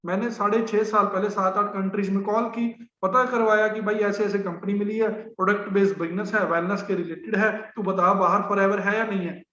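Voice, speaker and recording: A man's voice: high voice, fairly even intonation, fairly quick, hardly any pauses, pushed and bright. A man gives a business training talk, speaking conversationally with many fillers. The recording is roomy and dull.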